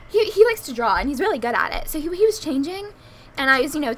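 A woman's voice: high voice, very animated, fairly quick, slight background noise. A young woman telling a long story in casual chat, rambling, with many likes and ums, and laughing through it.

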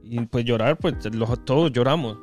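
A man's voice: mid-range voice, normal speed, darkish tone, faint music behind. A young man, co-hosting a casual podcast chat and telling stories that keep restarting and correcting themselves. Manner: rambling, self-correcting storyteller. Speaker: podcast co-host.

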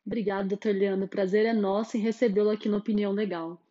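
Female Brazilian podcast host, formal public radio delivery, mellow tone, slightly lo-fi sound. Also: medium pitch, fairly even intonation, quick pace, dry recording. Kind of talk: scripted podcast presenting and interviewing.

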